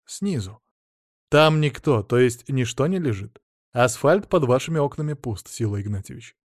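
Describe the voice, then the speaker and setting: A man voicing a calm, ironic police detective who speaks quietly. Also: mid-range voice, moderate pace, no room sound, studio quality, close to an everyday voice. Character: calm, dry-witted male police detective.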